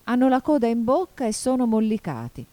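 A woman's voice: on the high side, big pitch swings, brisk, mellow, no echo, voice pushed up. Alice, as a woman reader voices her, polite and careful. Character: polite curious young girl, Alice. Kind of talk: audiobook character voice.

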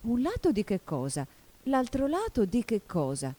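A woman reader voices an earnest, puzzled young girl in a storybook. The girl exclaims and protests with a lively, swinging melody, lifted above the reader's mellow tone. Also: a little high, normal speed, voice pushed up. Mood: bewildered. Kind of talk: storybook reading.

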